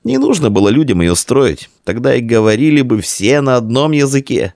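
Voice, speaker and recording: In a storybook reading, a man uses a mid-range, somewhat dark voice, pushed upward and very animated at a moderate pace, to play a timid, earnest young boy. The recording is dry and studio clean.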